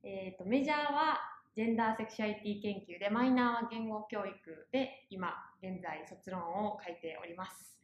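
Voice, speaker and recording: A woman's voice: medium pitch, fairly quick, hardly any pauses, echoey room, a little hiss or hum. A young woman from Osaka with a Kansai accent, a university student chatting casually as a guest and laughing often. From Osaka, Japan. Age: young adult. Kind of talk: casual podcast chat.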